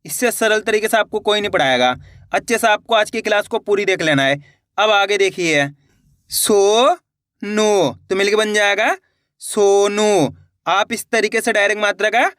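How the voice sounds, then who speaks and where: A man teaching a beginner reading lesson, sounding out words slowly syllable by syllable and talking directly to his viewers. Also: high-pitched, a bit bright, no echo, clean studio sound. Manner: slow syllable-by-syllable spelling, addresses viewers as friends. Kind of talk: video lesson.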